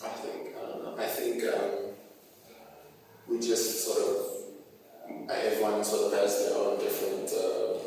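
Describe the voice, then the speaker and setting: A young man, talking hesitantly and softly with plenty of fillers in a casual family conversation. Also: lowish voice, level tone, unhurried, long pauses, slight background noise. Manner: hesitant, soft-spoken, many fillers. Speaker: guest, host's son. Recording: echoey hall, distant mic.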